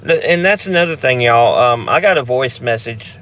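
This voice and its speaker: A man's voice: medium pitch, lively intonation, normal speed, a bit bright. Rambling, blunt man hosting a live Q&A. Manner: rambling, blunt, swears, frequent restarts. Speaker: host of a paranormal channel. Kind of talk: casual live Q&A chat.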